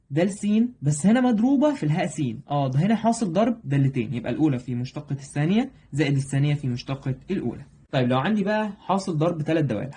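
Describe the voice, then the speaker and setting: Young man, Egyptian accent, math tutor, rapid-fire delivery, husky mellow voice. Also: fairly high pitch. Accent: Egyptian Arabic. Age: young adult. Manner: rapid, keeps checking in with "تمام؟". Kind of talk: exam review lesson.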